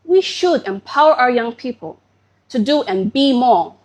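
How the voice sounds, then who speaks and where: A young woman from Papua New Guinea delivering a formal, prepared pageant speech in a poised, measured and deliberate manner. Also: on the high side, expressive. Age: young adult. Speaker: pageant contestant.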